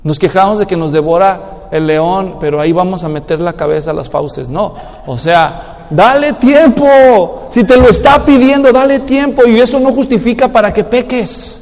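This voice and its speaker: A man preaching with a high voice that fills a church hall with long reverb. He talks animatedly as a pastor, slipping into quoted voices to act out little scenes. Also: moderate pace, a little mellow. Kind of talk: sermon.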